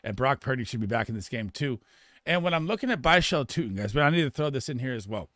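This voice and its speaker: A man giving casual fantasy football start and sit analysis in an emphatic, rapid way, often restarting his sentences. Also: medium pitch, animated, a bit bright, dry recording, studio quality.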